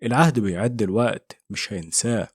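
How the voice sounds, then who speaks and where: A man's voice: fairly low pitch, brisk, husky, no room sound, clean studio sound. A man with an Egyptian Arabic accent voicing a frightened old male monk who gives grave, fearful warnings in a horror story.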